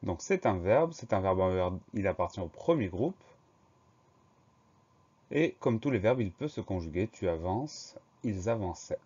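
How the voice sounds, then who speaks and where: A man's voice: lowish voice, fairly bright tone, muffled recording. A man teaching a spelling lesson, spelling words out letter by letter and explaining each one patiently before a dictation.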